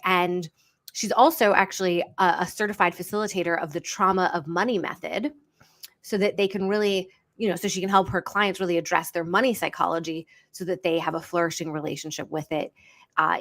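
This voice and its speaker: A woman's voice: fairly low pitch, steady tone, brisk, a bit bright. A woman hosting a livestream interview in an informal, enthusiastic way, speaking out of the side of her mouth because it is numb from dental work. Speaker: host. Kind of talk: livestream interview introduction, casual chat.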